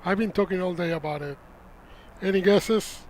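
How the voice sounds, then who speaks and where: A man's voice: high voice, moderate pace, darkish tone, slight background noise, rough recording. A man hosting a plane spotting livestream, chatting casually to viewers in live commentary.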